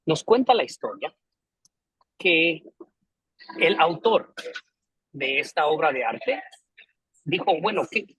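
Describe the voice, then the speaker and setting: Pastor guy teaching class, kinda husky voice, higher pitched, dry close sound, earnest and preachy. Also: very animated, slow, long pauses, a bit bright, no room sound, rough recording. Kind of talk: storytelling lesson.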